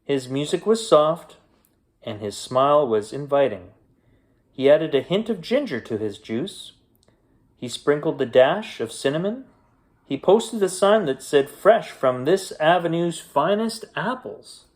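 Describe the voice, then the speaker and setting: In a fairly high voice, a man tells a children's picture book as a bedtime story, taking his time, full of expression and well-placed dramatic pauses.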